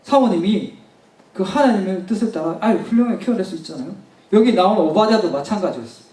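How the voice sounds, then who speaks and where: High-voiced man preaching in an echoey hall. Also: expressive, quick pace, darkish tone. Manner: storytelling, emphatic repetition, addresses the congregation directly. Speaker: pastor. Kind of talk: sermon. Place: church hall. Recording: echoey hall, mic at a distance.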